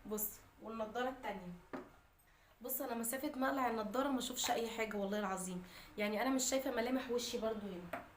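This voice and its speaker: A woman's voice: a little high, very fast, noisy background. A woman with an Egyptian Arabic accent, chatting casually to her viewers in a daily vlog. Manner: chatty, talks straight to viewers. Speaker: vlogger.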